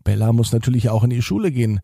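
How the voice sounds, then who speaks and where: A man narrating a children's story slowly and gently, with expressive read-aloud delivery. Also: medium pitch, gravelly, husky, no echo, clean studio sound.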